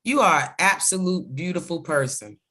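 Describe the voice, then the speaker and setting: A woman's voice: on the low side, expressive, normal speed, bright, forceful tone. A woman on a video call praising a fellow group member, repeating her words for emphasis.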